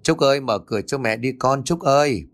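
A man's voice: medium pitch, expressive, a little fast, faint music behind, natural voice. A man voicing an anxious middle-aged mother who pleads with breathless urgency in an audio horror story. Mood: pleading.

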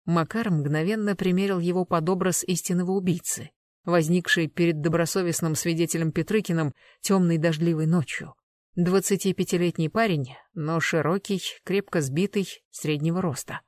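Brief: even audiobook narration, mid-pitched, dry close mic. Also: moderate pace, dry recording.

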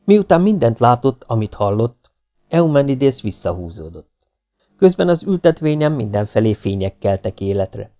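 A man reading an audiobook aloud in a steady, even storytelling manner. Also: mid-range voice. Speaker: audiobook narrator.

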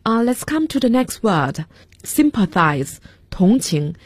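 A woman with a slightly husky voice gives a radio English vocabulary lesson. She spells each word slowly, letter by letter, and explains it with examples. The sound is dry and close, with no room around it. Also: fairly high pitch, sing-song, darkish tone, no room sound. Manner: spells words out letter by letter, slow and careful. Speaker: English teacher.

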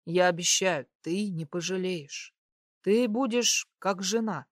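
A woman voicing a young nobleman who speaks softly and persuasively, often in a near whisper, in an audiobook. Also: lowish voice, slow, no room sound, studio quality. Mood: tender. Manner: soft, hushed, whispering.

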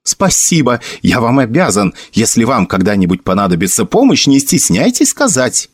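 A man voicing an eager, excitable young nobleman with a raised voice. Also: mid-range voice, moderate pace, husky, no room sound.

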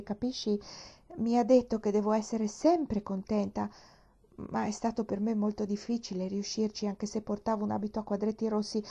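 Woman voicing a bubbly, talkative little girl, high and eager, mellow tone, storybook. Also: highs cut off.

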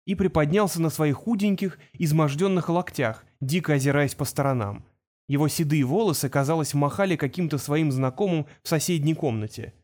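A man narrating an audiobook in a brisk, wry storytelling manner. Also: a little high, darkish tone. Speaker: audiobook reader. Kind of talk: scripted narration.

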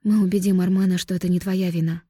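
A woman voicing a composed young fairy woman who takes charge, speaking briskly and with command. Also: lowish voice, flat delivery, dark tone, slightly rough, dry recording, clean studio sound. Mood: urgent.

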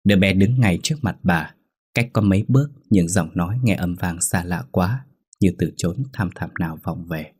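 Very deep-voiced male horror narrator. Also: normal speed, a little mellow, husky. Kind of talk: scripted horror story narration.

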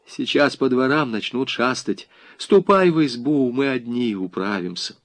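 Man putting on a sharp-tongued old peasant wife. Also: medium pitch, animated, unhurried. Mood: scolding. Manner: scolding, then meek and sly.

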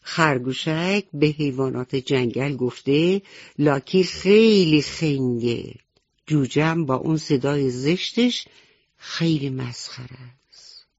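A woman's voice: low-pitched, a little mellow, dry recording. Woman voicing a sly scheming fox. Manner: sweet-talking, gossiping. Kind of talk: radio bedtime story for children. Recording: dull dry old radio recording.

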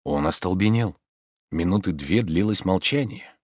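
A man narrating classic prose in a measured, subdued reading. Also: low voice, expressive, no echo, clean studio sound.

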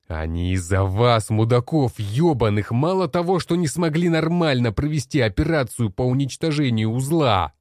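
A man's voice: sits low, no room sound, clean studio sound. A man voicing a furious older base commander. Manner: shouting, swearing, bitter.

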